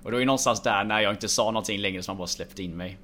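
A young man telling a travel story in a relaxed, rambling way, with many filler words. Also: on the low side, slight background noise. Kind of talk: casual storytelling chat.

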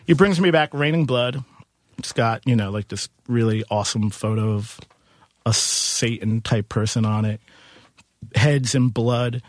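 A mid-range, slightly slow voice comes through in echo-free studio quality. The speaker, a Queens, New York native who runs a bar and music venue, chats informally in an interview, recounting stories and quoting dialogue.

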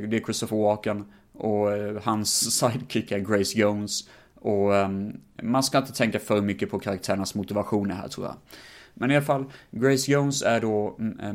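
A man hosting a podcast, talking through a film in a casual, rambling way with many fillers and some swearing. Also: fairly low pitch. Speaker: podcast host. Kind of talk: casual film review monologue.

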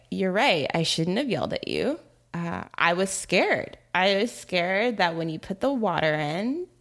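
A woman podcast host telling a personal story in a casual monologue, laughing often and acting out the voices she quotes. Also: medium pitch. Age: adult.

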